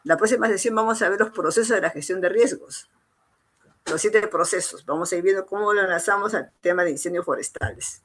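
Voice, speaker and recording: An engineer with a Peruvian accent gives an informal training lecture as an instructor, speaking fairly quickly at a medium pitch. She repeats phrases for emphasis and adds short tag questions.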